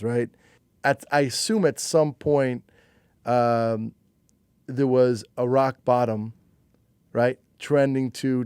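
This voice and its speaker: A male host guides an interview with emphatic, repeating questions. His voice is mellow and smooth, at a mid pitch. The room sound is dry and close. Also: no room sound. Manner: leading, emphatic, repeats phrases while framing questions. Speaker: podcast host. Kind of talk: interview conversation.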